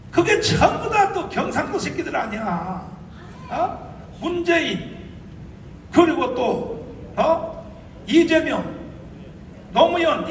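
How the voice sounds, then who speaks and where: A man with a very high, lively voice delivers a fiery rally speech, firing rhetorical questions at the crowd. He is heard from far off through a public address system. The big hall rings with a long echo and steady noise. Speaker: pastor addressing a political rally. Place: large convention hall. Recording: echoey hall from far off, noisy.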